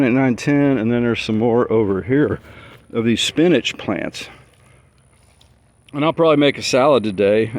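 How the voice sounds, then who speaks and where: Middle-aged male home gardener, slightly low voice, relaxed rambling outdoor walk-and-talk. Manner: rambling, easygoing, thinks aloud.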